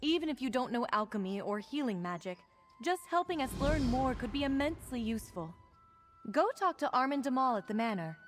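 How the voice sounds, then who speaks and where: An actress playing a caring but stern healer in a video game, speaking in an earnest, measured, polite way. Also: female voice, sits high, very animated, over music. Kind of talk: video game quest dialogue.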